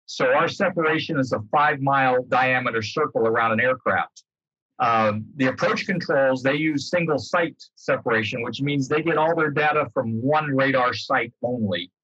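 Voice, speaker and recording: Speaking at a moderate pace and medium pitch, the older American man sounds bright and forceful, with a touch of breathiness. A former air traffic controller appearing as a guest speaker, he explains things loosely over a video call and restates points as he goes. His computer mic captures dull, roomy, lo-fi sound from a book-lined room at home.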